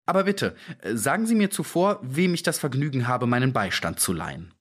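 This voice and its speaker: A polite, self-assured detective, voiced by a man reading a storybook speaks in a friendly, measured tone. His voice sits slightly raised and moves with lively melody. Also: mid-range voice, pitched above the performer's own voice. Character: calm, clever male detective, polite and assured.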